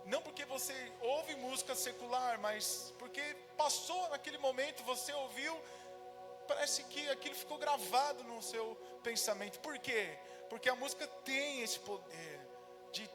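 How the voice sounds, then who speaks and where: A man from Brazil preaching a sermon as pastor, praying fervently and building to loud, intense declarations. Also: extremely high pitch. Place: church sanctuary. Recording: music and long hall reverb.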